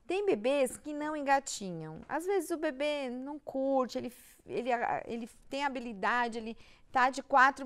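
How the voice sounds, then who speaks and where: A woman's voice: a little high, clean tone. A woman with a Brazilian accent, a pediatrician guest patiently explaining child development step by step in a reassuring way. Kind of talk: explanatory interview talk.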